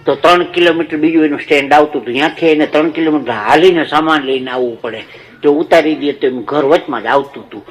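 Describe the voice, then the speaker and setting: A man's voice: on the high side, fairly bright tone, poor audio. A man with a Saurashtra Gujarati accent doing a stage comedy monologue, telling jokes and a story in a folksy way and repeating words for effect. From Gujarat, India. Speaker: stand-up comic storyteller.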